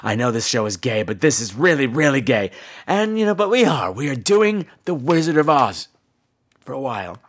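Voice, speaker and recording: A podcast host tells comic personal stories in a campy, exaggerated theatrical style, tossing in salty, sassy asides. His medium-pitched voice swings widely in pitch at a moderate pace.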